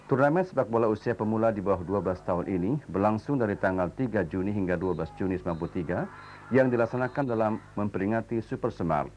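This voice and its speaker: An Indonesian man anchors a television newscast in a notably low voice. He reads from a script formally, with measured enunciation. The old broadcast recording carries faint noise behind him. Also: expressive, a little mellow, lo-fi sound. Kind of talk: formal scripted news reading.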